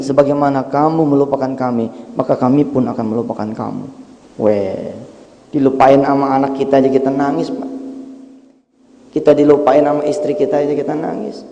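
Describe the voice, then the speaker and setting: Middle-aged guy preaching, slightly high voice, big hall echo, chants verses then talks loose. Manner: shifts between chanted Arabic recitation and animated colloquial speech. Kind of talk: sermon with Quranic recitation. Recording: long hall reverb.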